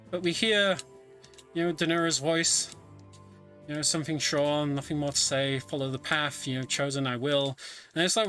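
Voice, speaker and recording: A man with a smooth, sharp-toned voice pitched fairly high narrates the game's story as he speedruns it live. The chatty, wry commentary comes from his home setup during a streamed online event, with game music behind him.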